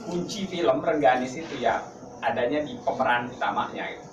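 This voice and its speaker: A man's voice: medium pitch, normal speed. Chatty male interviewer, distant and roomy. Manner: chatty, laughs often, teasing. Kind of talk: casual interview. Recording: roomy distant mic with noise.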